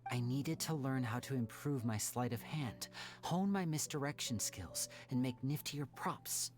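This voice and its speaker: An actor voices a young male magician who keeps secrets, in scripted dramatic game dialogue with a soft-spoken, reflective, measured theatrical delivery. His voice is mid-range with lively intonation and only light acting, and music plays beneath it.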